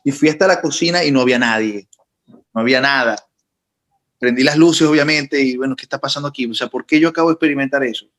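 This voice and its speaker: A young man, co-host of a talk podcast, telling a personal story in a casual, animated way that builds in intensity. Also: mid-range voice, fast. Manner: animated, recounting with rising intensity.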